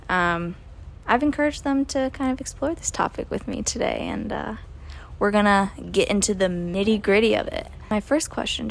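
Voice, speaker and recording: A woman's voice: medium pitch, gravelly, a bit bright, a little hiss or hum. A woman in her twenties hosting a college podcast, talking casually with frequent ums as she explains. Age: 20s. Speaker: podcast host.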